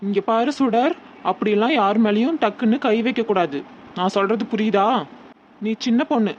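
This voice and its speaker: A woman voicing a calm young neighbour mother with a Tirunelveli Tamil accent, speaking firmly and reasoning in a cartoon. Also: medium pitch, moderate pace, natural voice. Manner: firm, reasoning. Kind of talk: cartoon voice acting. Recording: dull lo-fi with faint noise.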